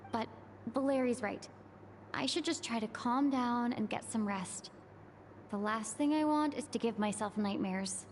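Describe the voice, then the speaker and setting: A woman's voice: fairly high pitch, unhurried, slight background noise, natural voice. An actress playing a weary, thoughtful young woman thinking aloud in a video game. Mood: tired, pensive.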